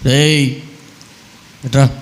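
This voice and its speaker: A man, a pastor, preaching a sermon and demanding the congregation answer loudly. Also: mid-range voice, level tone, very slow. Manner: scolds children to sit quietly.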